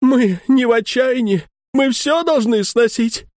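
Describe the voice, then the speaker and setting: A man voicing a desperate, furious wife who shouts at her husband in a story reading. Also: unhurried, dry recording, studio quality. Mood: shrill furious. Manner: shrill shouting.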